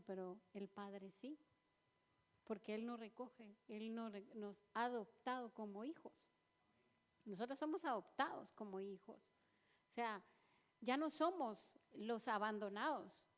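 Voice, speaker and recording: Woman preacher, high voice, chatty testimony sermon, reverberant church hall. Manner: conversational, quotes herself and others in little acted asides.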